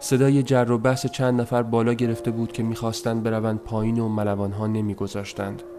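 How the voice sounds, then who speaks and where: A man reading a story aloud in a soft, measured, somber voice, as scripted narration. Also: medium pitch, flat delivery, over music. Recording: noisy recording.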